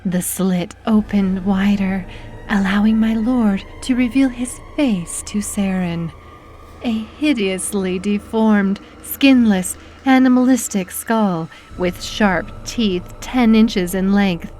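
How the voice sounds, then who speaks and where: A woman narrating a horror story in a slow, theatrical, ominous manner. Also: mid-range voice, warm tone, slight background noise.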